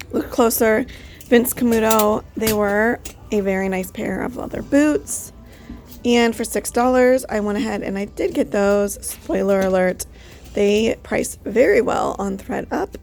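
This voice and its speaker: A woman's voice: on the high side, a little slow, gravelly, darkish tone. A woman narrating a casual thrift vlog as a reseller, chatting and thinking aloud with frequent fillers. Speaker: reseller vlogger.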